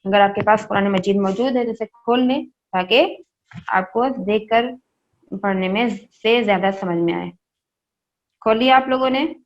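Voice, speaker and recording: Slow, patient woman reciting Quran lessons. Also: mid-range voice, lo-fi sound. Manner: patient, repeats and spells out sounds slowly, asks the children questions. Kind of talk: online class teaching Quran recitation to children. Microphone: online class, own mic.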